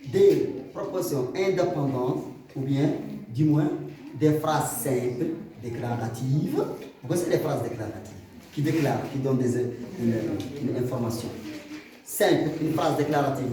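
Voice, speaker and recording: Male teacher, high voice, quizzing the class with examples; recorded from far off in an echoey room with a crowd behind. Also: a little mellow. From Mauritania. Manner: explains with examples, asks the class questions. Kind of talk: classroom grammar lesson.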